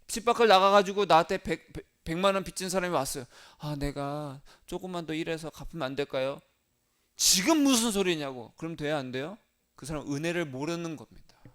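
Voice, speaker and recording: High-voiced pastor preaching with loud-soft swings. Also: male voice. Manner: asks the congregation questions and answers them himself; swings between loud emphasis and soft, low asides. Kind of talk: sermon.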